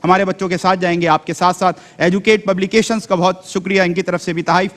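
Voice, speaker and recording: A man with a high voice hosts a televised competition in a polished, affirming tone. A long studio reverb follows his lines. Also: level tone, a bit bright. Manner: polished, affirming, reads sponsor thanks. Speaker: host. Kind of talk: hosting a religious TV competition.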